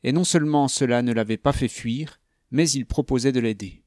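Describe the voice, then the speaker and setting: A man reads a novel aloud in a calm, even manner. His voice has an ordinary male pitch and a close, dry sound with no room around it. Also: normal speed, no echo. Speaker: narrator. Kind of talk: audiobook narration.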